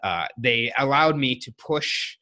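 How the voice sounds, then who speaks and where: A man hosting a casual podcast, with a bright, clear-toned voice. He talks in a loose, chatty way, full of fillers and restarts. His pitch sits in an ordinary middle range. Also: expressive, takes it slowly. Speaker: podcast host.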